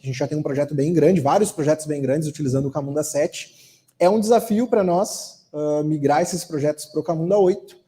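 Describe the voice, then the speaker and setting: A man speaking as a software architect, answering an audience question at a tech talk in a relaxed, explanatory way. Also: a little high. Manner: explanatory, relaxed, frequent "né?" tags. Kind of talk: conference Q&A answer.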